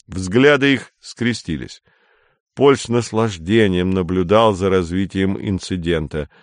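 A man with a lowish voice reads a story aloud, measured and expressive. He voices each character himself, and the recording is dry and close. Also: no room sound. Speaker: narrator. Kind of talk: storybook reading.

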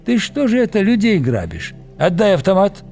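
A man voicing a blunt, gruff grown man who orders others about, in an audiobook. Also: high voice, huge pitch swings, moderate pace, darkish tone, faint music behind, voice pushed up, exaggerated voice.

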